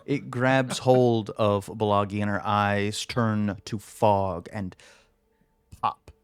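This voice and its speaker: A man narrating a tabletop fantasy game as game master, telling it with suspense and deliberate pauses. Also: fairly low pitch, steady tone, clear, resonant tone, no echo.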